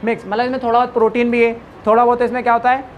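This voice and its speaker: In lo-fi sound with slight background noise, a woman with a fairly high pitch talks rapid-fire in a flat delivery. She's lecturing a biology class, drilling them call-and-response style by repeating questions and joking informally.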